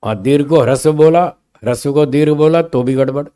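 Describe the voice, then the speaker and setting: A man teaching a philosophy class, explaining meaning through slow spoken examples and often checking that his listeners follow. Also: fairly high pitch, mellow, smooth. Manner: stresses single words to show meaning.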